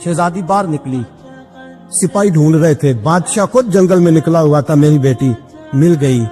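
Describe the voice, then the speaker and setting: Male preacher, high voice, dramatic story sermon, echoing hall, soft music underneath. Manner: dramatic, building to impassioned highs. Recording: long reverb in a big hall, faint music.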